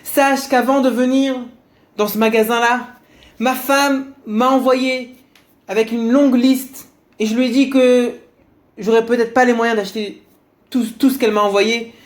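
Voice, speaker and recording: A man voicing a humble religious husband who speaks softly, politely and earnestly. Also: very high-pitched, level tone, unhurried, voice pushed up.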